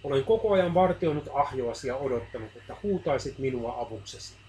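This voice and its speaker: A man voicing a soft, consoling Christ. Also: medium pitch, expressive, a little hiss or hum, lightly acted, low-quality recording. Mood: gentle. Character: gentle compassionate Christ, male, patient and kind.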